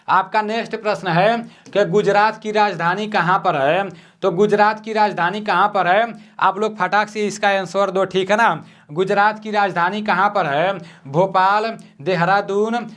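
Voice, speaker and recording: Soft-spoken high-voiced male teacher. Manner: soft-spoken, repeats each question, frequent "theek hai na". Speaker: exam coaching teacher. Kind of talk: quiz-style exam lesson. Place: at home at night.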